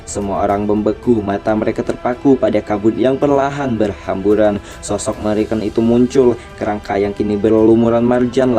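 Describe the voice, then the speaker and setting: A man with an Indonesian accent narrates a dramatic fantasy tale in a low, mellow voice. His delivery is scripted storytelling, set over background music.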